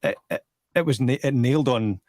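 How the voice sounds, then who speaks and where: A man's voice: medium pitch, a little fast, a little mellow, no room sound, clean studio sound. A man with a Scottish accent chatting casually about films, hesitating and repeating words as he goes. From Scotland. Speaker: YouTube film discussion panellist. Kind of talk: casual film chat.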